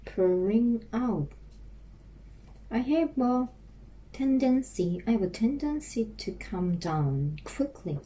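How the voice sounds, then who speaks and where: Slow, halting woman with a Korean accent. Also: a little high, sing-song, dark tone. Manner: slow, repeats phrases over and over, halting with restarts. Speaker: English learner practicing aloud. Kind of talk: self-recorded English speaking practice.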